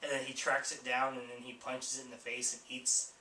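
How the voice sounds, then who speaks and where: A man's voice: medium pitch, monotone, a little fast, pushed and bright, far from the mic. Tipsy rambling man in an echoey room. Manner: tipsy, rambling and losing track. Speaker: host of a film review. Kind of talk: casual chat, loose film review. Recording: roomy echo, off-mic, faint noise.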